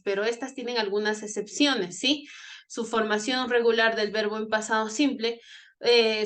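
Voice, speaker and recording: A woman whose first language is Spanish teaches English grammar online in a fairly high, fairly bright voice. She explains patiently, goes over things again, and checks in with her students.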